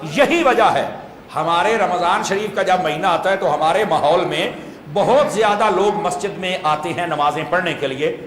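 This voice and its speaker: A man's voice: high-pitched, fairly bright tone. A man preaching to a seated congregation, explaining patiently and asking them rhetorical questions. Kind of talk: sermon. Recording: echoey hall with faint ambience.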